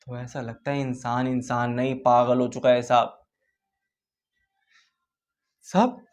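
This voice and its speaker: A man's voice: medium pitch, close to an everyday voice. A man playing a pleading, haunted young man. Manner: pleading, addressing a sir again and again. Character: poor young man haunted by a starving childhood. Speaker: actor. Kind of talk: audition monologue.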